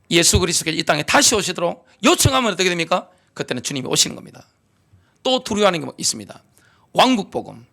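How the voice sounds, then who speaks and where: Lively high-voiced Gyeongsang-accented preacher. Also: male voice, vocal fry. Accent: Gyeongsang Korean. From Gyeongsang region, South Korea. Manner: emphatic preaching with rhetorical questions. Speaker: pastor. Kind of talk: sermon.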